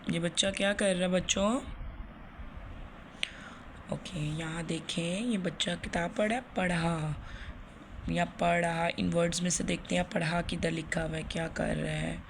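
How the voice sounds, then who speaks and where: Slow gravelly woman teaching small children. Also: on the low side, steady tone, a little hiss or hum. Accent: Pakistani Urdu. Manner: slow, repeats words and asks questions then answers them. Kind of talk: classroom grammar lesson for young children.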